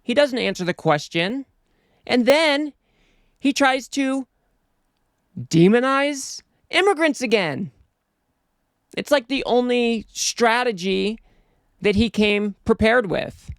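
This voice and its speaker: A man's voice: very high-pitched, lively intonation, slow, long pauses, clean tone, no echo, studio quality. A man hosting a political commentary show, talking in an exasperated, scornful way.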